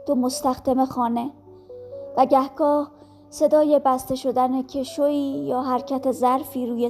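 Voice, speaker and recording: A woman reading a classic novel aloud as an audiobook, calm and measured. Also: sits high. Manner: calm, measured storytelling with quoted dialogue. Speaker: audiobook narrator. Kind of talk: scripted narration of a classic novel.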